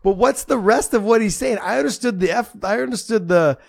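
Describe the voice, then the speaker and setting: A man co-hosting a casual podcast, excitable and laughing often. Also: sits high, a little fast, gravelly. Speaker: podcast co-host.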